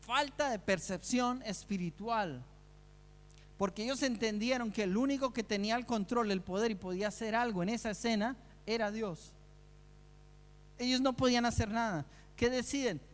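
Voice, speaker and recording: A man's voice: very high-pitched, normal speed, long reverb tail. A man preaching a sermon, earnest, asking the listeners rhetorical questions.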